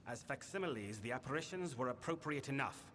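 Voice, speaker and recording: An actor playing a solemn, imperious Fae lord in a fantasy game, speaking in a grave, measured, formal way. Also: male voice, mid-range voice, animated, a bit bright, close to an everyday voice. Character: solemn, imperious male Winter Fae lord of a failing house. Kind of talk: scripted fantasy game dialogue. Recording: long hall reverb, background noise.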